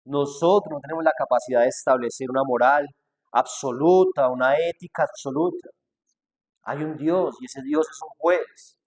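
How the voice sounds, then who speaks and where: A man's voice: fairly high pitch, moderate pace, a little mellow. A male pastor preaching a sermon, asking rhetorical questions and acting out people's objections. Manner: acts out quoted objections in a changed voice.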